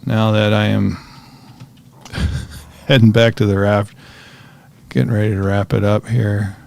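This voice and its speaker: A man giving relaxed, chatty commentary while he plays a survival game, talking to himself as he goes. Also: lowish voice, slow pace, gravelly. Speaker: gaming streamer. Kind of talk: casual gameplay commentary.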